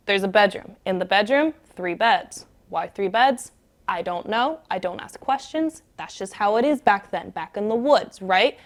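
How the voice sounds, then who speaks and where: A woman hosting a comedy show, telling a bedtime story in a chatty way with asides to her dog, often tagging lines with "right?". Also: mid-range voice. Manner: chatty, keeps asking "right?". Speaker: comedy host. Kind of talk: comic bedtime story reading.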